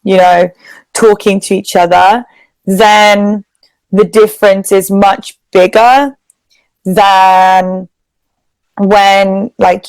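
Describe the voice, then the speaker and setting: An Englishwoman with a British accent, working as an online English tutor, chats casually in a conversational lesson and keeps her phrasing simple for a learner. Her mid-range voice is a little mellow, and the video-call recording is dry and rough.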